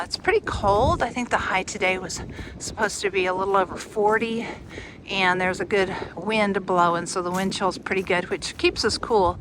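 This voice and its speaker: A woman vlogging her hike, chatting casually on a mountain trail and laughing often as she talks to a handheld camera. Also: medium pitch. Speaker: hiking vlogger. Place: outdoors on a windy mountain trail. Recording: wind and outdoor noise.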